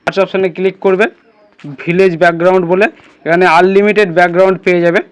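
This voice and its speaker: Talking fast in a flat, high-sitting voice that's clear and resonant, a man hosts a casual how-to. He guides listeners step by step and repeatedly makes sure they're following along.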